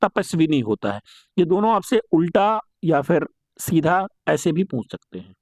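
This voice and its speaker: Lively high-voiced male teacher quizzing himself. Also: a little slow, dry recording, studio quality. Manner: asks rhetorical questions and answers them himself; repeats each correct form for emphasis. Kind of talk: exam-prep Hindi grammar lesson.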